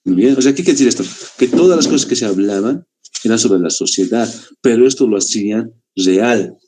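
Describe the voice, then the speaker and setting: Mellow-voiced man teaching literature. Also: fairly low pitch, animated. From Bolivia. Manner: explains with rhetorical questions and frequent "¿no?"; deliberate, stretches key words slowly. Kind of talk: literature lesson for exam applicants.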